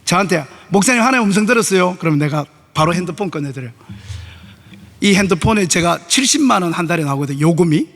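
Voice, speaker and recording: A middle-aged man preaching a sermon as pastor, telling stories and acting out voices in lively dialogue, recorded in a church sanctuary. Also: high voice, fast talker. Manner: animated, acts out dialogue in shifting voices. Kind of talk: sermon with storytelling. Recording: long hall reverb of a church.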